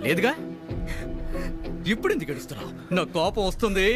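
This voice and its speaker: An actor playing a hot-headed young college bully who threatens and shouts. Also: male voice, sits high, very animated, fast, music in the background. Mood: menacing. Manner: aggressive, threatening.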